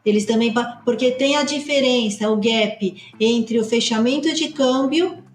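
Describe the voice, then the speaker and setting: A woman, a partner at a customs consultancy, explaining points quickly and emphatically on a podcast. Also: a little high, reverberant, soft background music. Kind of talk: podcast discussion.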